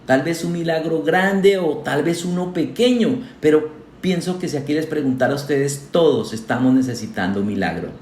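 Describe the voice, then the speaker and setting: A man's voice: a little high, expressive, moderate pace, darkish tone, slight background noise. A man, a pastor, preaching a sermon to his congregation, earnest and asking them questions directly. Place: church hall. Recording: echoey church hall.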